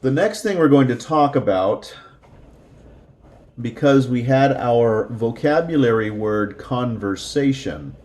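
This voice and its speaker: Slow, lively-voiced man teaching English. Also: medium pitch. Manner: slow, deliberate, repeats words for learners.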